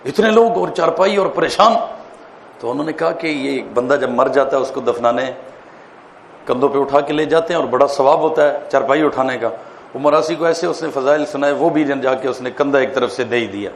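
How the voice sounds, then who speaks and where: A man, a mufti, giving an animated classroom lecture on public speaking, quizzing his listeners and telling jokes. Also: medium pitch, creaky, a little hiss or hum. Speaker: mufti teaching a course. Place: lecture hall.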